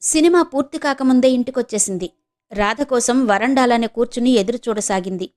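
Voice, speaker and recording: A woman from Visakhapatnam reads a novel aloud. She tells the story steadily in a fairly high voice. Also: fairly quick, darkish tone. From Visakhapatnam, India. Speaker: audiobook narrator. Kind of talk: novel reading.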